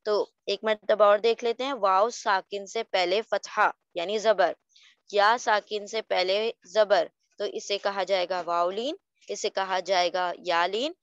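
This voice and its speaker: A woman's voice: medium pitch, steady tone, smooth, no echo. A woman who teaches Quran recitation rules patiently and keeps checking that her listeners follow. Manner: patient, often checks "okay?". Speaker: tajweed teacher. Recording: dull dry lo-fi recording.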